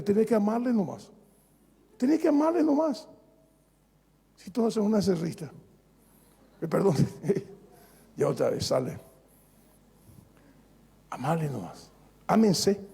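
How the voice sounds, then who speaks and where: A male pastor preaching an animated sermon, joking with the congregation and repeating phrases for emphasis. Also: high voice, gravelly, slightly rough. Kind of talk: lively sermon. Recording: long reverb of a large church hall.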